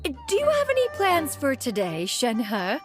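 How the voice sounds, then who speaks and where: A woman voices a haughty, scheming female immortal master in a video game, grand and theatrical with formal speech as she feigns polite chat. Her high, wildly swooping full character voice is unhurried and stagey, with faint music behind.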